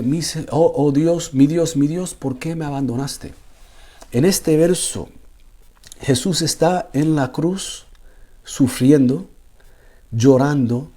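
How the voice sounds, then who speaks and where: Mellow-voiced man giving a faith testimony. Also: a little high. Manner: repeats words while searching, building to intense pleading. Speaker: imam. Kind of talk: personal conversion testimony.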